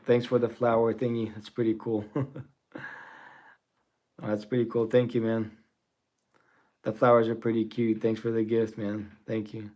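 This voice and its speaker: A man's voice: fairly low pitch, completely flat delivery, a little slow, long pauses, warm tone, lo-fi sound. A man in his forties, born in Russia and raised in the US, chatting casually on a trading livestream, rambling and thanking viewers with frequent chuckles. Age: 40s.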